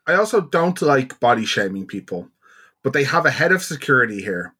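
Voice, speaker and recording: A man co-hosting a wrestling podcast, chatting casually, swearing and acting out quotes in high voices. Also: big pitch swings, brisk, pushed and bright, slightly rough. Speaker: podcast co-host. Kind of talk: casual chat.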